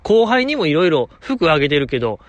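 A man with a Kansai accent hosts a solo show, running through fan gossip in an eager, chatty way and chuckling as he goes. His voice sits a little on the high side, and the sound is close and dry with no room around it. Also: sing-song, fairly quick, dry recording, highs cut off. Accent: Kansai Japanese. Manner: chatty, enthusiastic fan banter with frequent chuckles. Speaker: podcast host.

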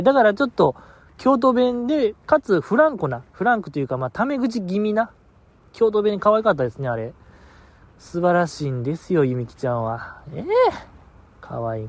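A man hosting a podcast alone, chatting casually in a rambling, self-mocking and sleepy way. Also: a little high. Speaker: podcast host. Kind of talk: casual solo podcast chat.

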